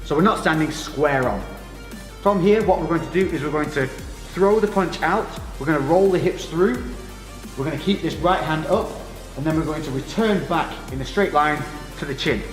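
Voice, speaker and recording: Male boxing coach, slightly high voice, informal step-by-step workout instruction, reverberant space. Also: normal speed. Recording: echoey reverberant room with music.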